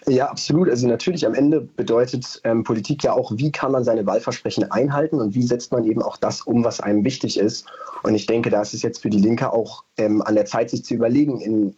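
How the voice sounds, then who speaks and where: A man's voice: medium pitch, warm tone, breathy edge, muffled recording. A man from Berlin answering as a radio interview guest, thoughtful and hesitant, with many fillers. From Berlin, Germany. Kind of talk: casual interview.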